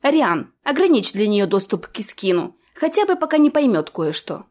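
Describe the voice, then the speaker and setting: A woman voicing a sarcastic woman bard who scolds and gives orders in an audiobook, her voice raised and loud. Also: mid-range voice, very animated, moderate pace. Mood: commanding. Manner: sharp, commanding.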